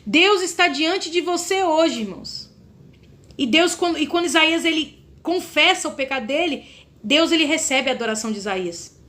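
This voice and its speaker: Brazilian woman preacher, high voice, fervent sermon delivery, keeps addressing the congregation directly. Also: expressive, moderate pace, fairly bright tone. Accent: Brazilian Portuguese. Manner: fervent, repeatedly addresses listeners as brothers.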